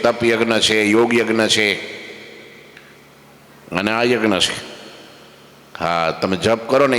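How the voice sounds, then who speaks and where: Male temple preacher, mid-pitched, storytelling sermon full of lists and rhetorical questions, long hall reverb. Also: fairly bright tone. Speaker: preacher giving religious discourse.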